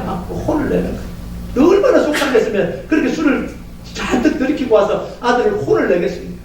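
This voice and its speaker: High-voiced, animated male pastor preaching. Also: slight background noise. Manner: animated storytelling, often acting out voices. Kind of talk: sermon. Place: church sanctuary. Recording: echoey church from far off.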